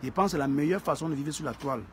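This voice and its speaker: A man's voice: a little high, racing, slight background noise. Emphatic man chatting on a live stream. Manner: emphatic, repeats phrases for stress; greets and answers viewers by name. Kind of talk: casual live-stream chat to viewers.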